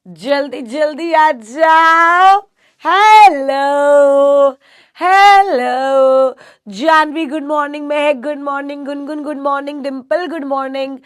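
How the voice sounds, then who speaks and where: A woman's voice: high-pitched, fairly bright tone, no room sound, clean studio sound. A woman teacher chatting playfully and affectionately with her students, telling a story and mixing in English phrases. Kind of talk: casual chat and storytelling before class.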